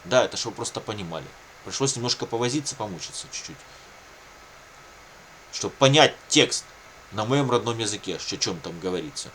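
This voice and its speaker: Low-quality audio with some hiss or hum captures a man whose voice is on the low side, expressive, fairly quick and fairly bright. He's a video blogger and native Russian speaker recounting his own situation off the cuff, rambling, repetitive and full of colloquial catchphrases.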